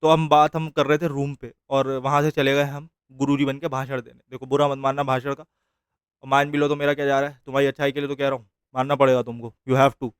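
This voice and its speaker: A man's voice: medium pitch, flat delivery, fairly quick, clear, resonant tone, dry recording. Encouraging male trading instructor, dry sound. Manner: informal and encouraging, mixing English phrases into his Hindi. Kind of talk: casual motivational lesson.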